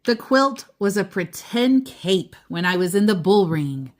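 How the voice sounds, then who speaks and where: Speaking at medium pitch with lively intonation, a woman storyteller reads a children's book aloud. She keeps a deliberate pace, pausing between short phrases and adding offhand remarks.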